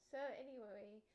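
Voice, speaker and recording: Middle aged lady, kinda high voice, casual vlog talk, halting n slurred like shes a bit stoned, wry. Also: warm tone. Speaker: vlogger sharing a personal health update. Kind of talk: casual personal talk to camera.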